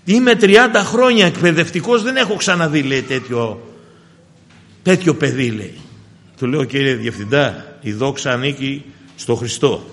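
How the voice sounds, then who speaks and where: A man, preaching a sermon with personal testimony, calling the congregation brothers and swinging from emphatic high bursts to quiet low asides. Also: animated, creaky, long pauses, in a large hall.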